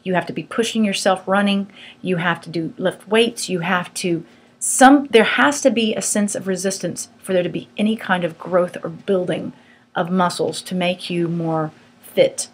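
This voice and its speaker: A woman's voice: on the low side, moderate pace, husky. A middle-aged woman teaching a small Bible study group, earnest, firm and conversational.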